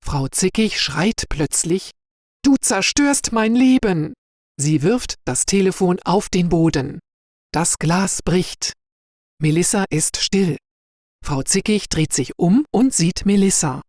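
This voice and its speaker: A woman narrating a story slowly and clearly for language learners. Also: lowish voice, a little mellow, no room sound, clean studio sound. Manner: clear and deliberate.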